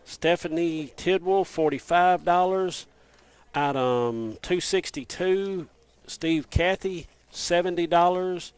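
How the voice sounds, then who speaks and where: A man hosting a local radio auction, reading out winners' names and bid amounts in a steady rapid list. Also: high-pitched, clean tone. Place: radio studio.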